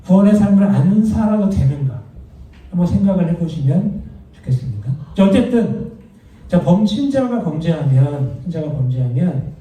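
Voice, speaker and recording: A man's voice: on the high side, mellow, distant mic. Man teaching a Bible study in an echoey room. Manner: conversational, explains doctrine with asides and anecdotes. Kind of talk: church Bible study lesson. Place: church room.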